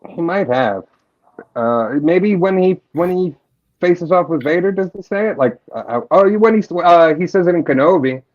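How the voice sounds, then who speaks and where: Eager male co-host, stumbling repeats, slightly dull audio. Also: high-pitched. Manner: excited, fast, repeats himself. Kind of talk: casual fan chat.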